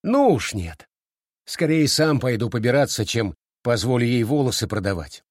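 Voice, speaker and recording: A man's voice: on the high side, sing-song, moderate pace, a little mellow, no echo, studio quality, voice pushed up. A man voicing a boastful young village boy who talks in a brash, self-assured way. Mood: cocky.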